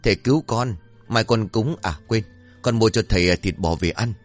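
A man's voice: fairly low pitch, moderate pace, faint music behind, natural voice. A man voicing a cowardly, dim-witted young village man who pleads and panics in a raised voice. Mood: pleading.

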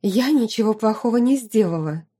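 Shrill haughty duchess voiced by a woman, indignant, scheming, audiobook, dark tone. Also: animated, moderate pace, slightly rough. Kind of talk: audiobook character reading.

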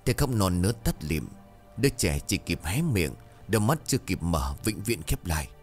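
A man narrating a horror story in a dramatic, lively storytelling manner. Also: sits low, normal speed, faint music behind.

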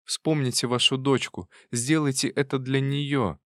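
A man voicing a quiet, dutiful young woman with a soft, earnest, restrained manner. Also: mid-range voice, steady tone, a little slow, dry recording, studio quality, pitched above the performer's own voice, natural voice.

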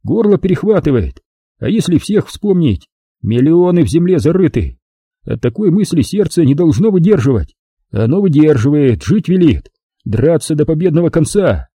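A man's voice: a little high, sing-song, normal speed, warm tone, breathy edge, dry recording, clean studio sound, pitched above the performer's own voice, heavily acted. A man voicing a weary, thoughtful army captain who speaks with aching earnestness. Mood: earnest.

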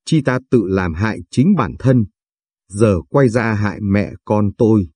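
A man narrating a first-person audio story in a steady, dramatic way. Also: lowish voice, a little slow, husky, no room sound, clean studio sound.

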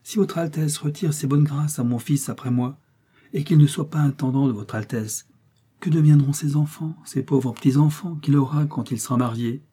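A man's voice: medium pitch, moderate pace, dark tone, breathy edge, close to an everyday voice. Man doing a sly, wheedling old steward. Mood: plaintive. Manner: humble, wheedling. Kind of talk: audiobook reading.

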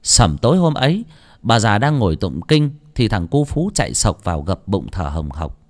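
Man narrating with wildly lively pitch. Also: normal speed. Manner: expressive, dramatic reading with wide pitch swings. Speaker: audiobook narrator. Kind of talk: storytelling narration.

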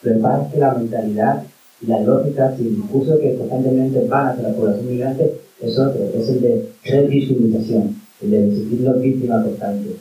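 Here a Colombian man on a public-talk panel, an activist for migrants, argues with fervor while filling gaps with "o sea" and "en plan." His voice is mid-range, warm and steady, at a moderate pace. The audio is dull, picked up from afar in a roomy hall with faint hiss.

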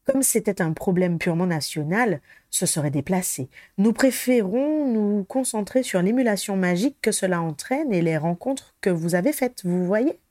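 A woman's voice: medium pitch, animated, moderate pace, few pauses, warm tone, no room sound, studio quality, natural voice. A woman reading the lines of a courteous, enthusiastic male ministry official in a storybook. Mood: eager. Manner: polite and enthusiastic.

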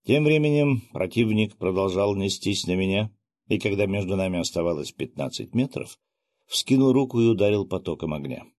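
A man reads a fantasy audiobook with a measured, expressive delivery. His voice sits on the low side. The close-mic recording is dry, with no room in it. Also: dry recording. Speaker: audiobook narrator. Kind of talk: scripted fantasy audiobook narration.

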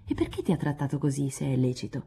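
Spirited coaxing young woman, read by a woman; husky timbre. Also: a bass voice, fast, heavily acted. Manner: coaxing, lively.

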